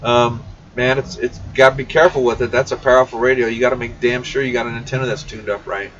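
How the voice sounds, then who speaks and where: This is a CB radio shop's livestream host running a casual Q&A, reading viewer questions aloud and speaking to the audience bluntly and informally. He has a medium-pitched, level, fast and slightly bright voice. The mic sounds dull and distant, with faint background noise.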